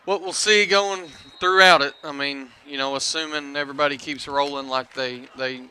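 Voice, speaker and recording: Chatty football color commentator, bright-voiced man. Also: on the high side, normal speed, slight background noise. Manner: relaxed, chatty, says "man" often. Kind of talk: high school football commentary.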